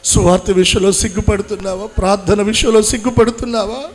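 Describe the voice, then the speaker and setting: A man's voice: high-pitched, steady tone, fast talker. A man preaching as a pastor, leading an emotional prayer with pleading, repeated lines that swell and fall. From Andhra Pradesh, India. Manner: pleading, repetitive, rising and falling in intensity.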